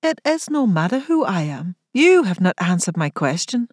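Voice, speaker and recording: A defiant young gentlewoman, played by a woman narrator who speaks with a thick accent and a sharp, commanding edge. The pitch ranges widely in storybook style. The sound is close and dry, with no room in it. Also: very animated, moderate pace, no echo.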